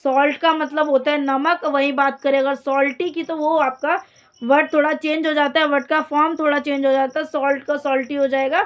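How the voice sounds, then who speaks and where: High-voiced woman teaching word lists. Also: little pitch movement. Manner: repeats each word and its meaning slowly, addresses students directly. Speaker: English teacher. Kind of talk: vocabulary lesson, reading word lists.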